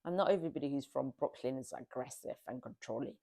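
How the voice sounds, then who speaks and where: A woman's voice: extremely low pitch, fast talker, gravelly, mellow. A woman giving casual, exasperated commentary on a reality TV show, scolding the people on it.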